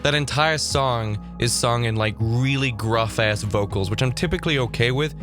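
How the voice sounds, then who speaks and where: A goth reaction-video host with a Northern Irish accent talks animatedly into a boom-arm desk mic in his streaming room, tossing out quick asides and laughing often as he comments casually on clips. His mid-range voice is slightly hoarse from vocal fatigue, and music plays in the background.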